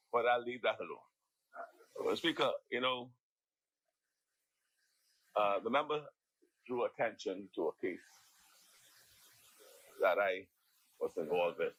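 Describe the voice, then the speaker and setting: A man with a Bahamian accent speaking in parliamentary debate, emphatic and repetitive, with halting phrasing. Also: lowish voice, animated, a bit bright, husky, low-quality recording. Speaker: member of parliament. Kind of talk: impromptu parliamentary debate speech. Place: legislative chamber.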